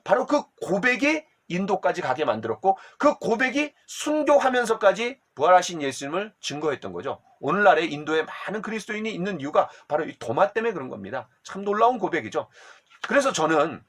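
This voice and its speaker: With a high-sitting voice, this middle-aged pastor leads a church discipleship class in a lively, animated manner. He often asks the people listening questions.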